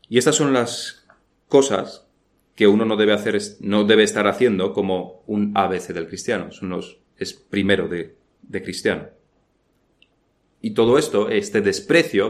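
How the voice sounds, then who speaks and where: A man preaching a sermon in an earnest, firm way, asking many rhetorical questions. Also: fairly low pitch.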